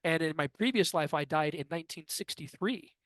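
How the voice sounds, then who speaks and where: Man in his fifties, fairly high voice, dry close sound, animated storyteller, interview guest. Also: a little fast, no room sound. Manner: animated anecdotal storyteller who acts out quoted dialogue.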